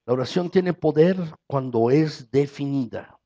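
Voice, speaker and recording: A man's voice: medium pitch, a little slow, mellow, muffled recording. A man with a Mexican Spanish accent preaching a sermon as pastor, his voice rising for emphasis.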